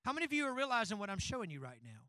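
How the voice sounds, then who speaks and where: A male pastor preaching a sermon in a church. He leads call-and-response with the congregation and builds to fervent shouting. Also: high voice, huge pitch swings, rapid-fire, no room sound, poor audio. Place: church sanctuary.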